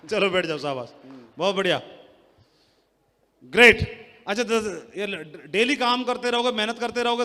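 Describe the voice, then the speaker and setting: A man giving a loud motivational business talk on a stage mic, shouting and quizzing a live audience in a large hall. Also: high-pitched. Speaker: business seminar speaker. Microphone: handheld or stage mic. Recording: echoey hall reverb.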